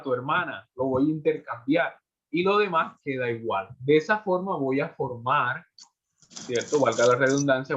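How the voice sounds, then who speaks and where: A man's voice: on the high side, fairly bright tone. Spanish-speaking man teaching English grammar. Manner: explains step by step, checks in with "¿cierto?" and "¿verdad?". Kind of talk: online class explanation. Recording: muffled lo-fi audio.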